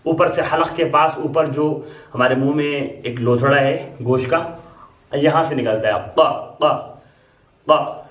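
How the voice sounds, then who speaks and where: A man's voice: a little high, fairly even intonation, a little slow, fairly bright tone, distant mic. A man teaching the Arabic alphabet to beginners, explaining each letter patiently and step by step, with plenty of repetition. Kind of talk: beginner alphabet lesson at a board. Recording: roomy echo, speaker away from mic.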